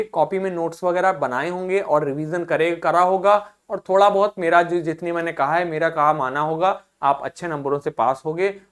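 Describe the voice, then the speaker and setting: A teacher leading an online vocabulary class, with a middle-pitched voice that sits between low and high. They repeat each word slowly two or three times for the students to copy. They keep stopping to check that everyone is following. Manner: often checks in with "ठीक है"; addresses students directly and encourages them.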